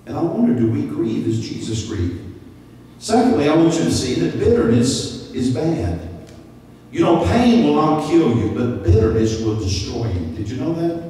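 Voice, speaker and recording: A man, preaching a sermon at a stand mic in a church, animated, with sudden high-pitched voices for the people he quotes. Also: recorded from a distance. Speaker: pastor. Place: church sanctuary. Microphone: stand mic at lectern. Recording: echoey hall, from off-mic.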